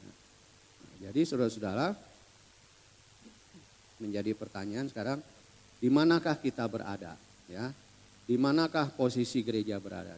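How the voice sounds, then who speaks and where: A man's voice: on the low side, darkish tone. A man preaching a sermon as pastor, putting questions to the congregation as he goes. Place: church hall. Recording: long hall reverb.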